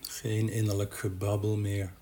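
A man guiding a body-scan meditation in a gentle, unhurried manner with long pauses. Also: fairly low pitch, level tone. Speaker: meditation guide.

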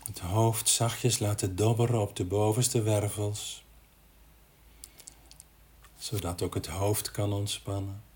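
Male guide for body-scan relaxation. Lowish pitch, very unhurried delivery, gentle, spacious pauses. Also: steady tone. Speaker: meditation guide.

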